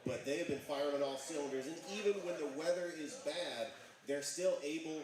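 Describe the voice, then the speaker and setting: A man co-hosting a live sports talk show, giving measured, stat-heavy analysis of teams. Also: a little high, a crowd in the background. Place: bar and grill. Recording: echoey, distant mic in a noisy bar.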